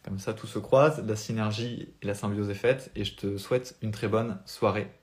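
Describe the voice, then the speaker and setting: A man's voice: fairly low pitch, steady tone, normal speed. A young French man with a French accent, a spiritual life coach giving an earnest, motivational talk on a live stream without notes.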